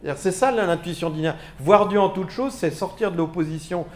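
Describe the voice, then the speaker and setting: A man who is a Jesuit priest giving a lively, playful conference talk to school staff. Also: high voice, brisk. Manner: animated, playful, makes buzzing sound effects.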